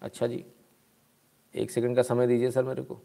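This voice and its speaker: A man's voice: mid-range voice, monotone, normal speed, vocal fry, dark tone. A man giving casual, sarcastic live-stream news commentary, mixing Hindi and English.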